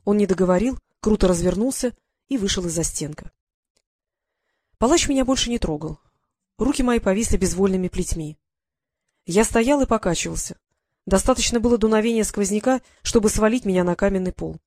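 An audiobook narrator reading a first-person historical story in a calm, measured way. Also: mid-range voice, no echo, clean studio sound. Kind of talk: scripted narration.

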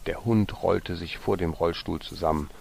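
Man, storybook narration, gentle, soft whispers, deep voice, gravelly. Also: normal speed, a little hiss or hum. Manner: gentle, drops to a soft whisper in quiet scenes. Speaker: storyteller reading his own story.

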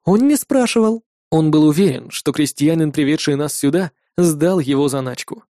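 A man narrating a first-person story in a lively, wry manner. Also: fairly high pitch, normal speed, dry recording, studio quality. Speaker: audiobook narrator.

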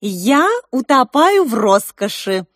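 A woman voicing a lively, theatrical young girl who speaks excitedly and showily. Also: sits high, slow, husky, no room sound, studio quality, pitched above the performer's own voice, exaggerated voice. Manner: excited, languid and showy.

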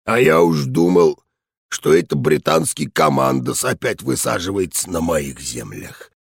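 A man voicing a gruff old veteran general in an audiobook, hoarse and blustering. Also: sits low, sing-song, a little slow, no room sound, clean studio sound, voice pushed down, exaggerated voice. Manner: blustering, shouting. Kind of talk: audiobook character voice.

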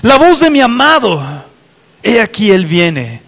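A man's voice: extremely high pitch, very animated, unhurried, vocal fry, fairly bright tone, long reverb tail. A man preaching a fervent sermon, reading scripture aloud and asking his listeners direct questions. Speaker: pastor.

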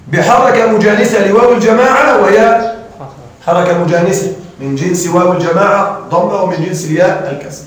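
A man teaching Arabic grammar to a class, often checking that students follow and repeating examples slowly. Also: high voice. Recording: very echoey room, mic far off.

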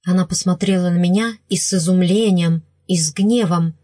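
A woman's voice: lowish voice, steady tone, normal speed, warm tone, dry recording, clean studio sound. Woman reading a novel aloud. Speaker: audiobook reader. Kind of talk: scripted narration.

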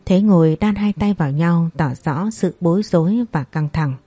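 A woman reading a story aloud as narrator, in an even, steady telling. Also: lowish voice, moderate pace, slightly rough, no echo, soft background music.

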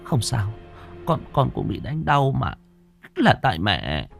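A man's voice: medium pitch, huge pitch swings, takes it slowly, gravelly, soft background music, pitched above the performer's own voice, heavily acted. A man voicing a frightened middle-aged peasant wife who stammers and begs. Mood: tender. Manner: stammering, tearful begging.

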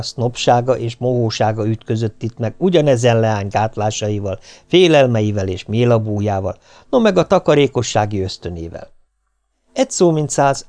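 A man reads a novel aloud in a wry, ironic storytelling manner. His voice moves in lively, melodic swings through each sentence. It is steady scripted narration. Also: mid-range voice. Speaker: audiobook reader.

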